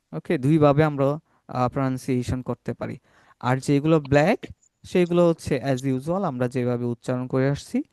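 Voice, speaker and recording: A Bangladeshi man teaching English pronunciation in an online class, slowly modelling sounds and often checking that the class is following. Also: on the high side, a little mellow, dry recording, clean studio sound. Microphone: laptop or video call mic.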